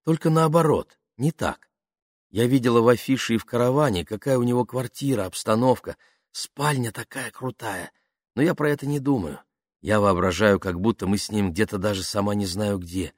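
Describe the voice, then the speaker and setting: A man reading an audiobook, voicing a shy, romantic young woman who speaks softly and wistfully. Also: on the low side, normal speed, no echo, clean studio sound, natural voice. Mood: earnest. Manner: soft, hushed, wistful.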